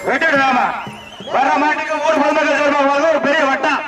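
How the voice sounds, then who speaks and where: A man with a very high, strained voice announces a bull-taming contest through a megaphone, barking rapid calls and commands. His amplified voice echoes as though from far away across an outdoor arena. A loud crowd and heavy noise fill the background. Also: steady tone. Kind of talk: live event announcing over loudspeaker. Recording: echoey loudspeaker heard from far off. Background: loud cheering crowd and heavy noise.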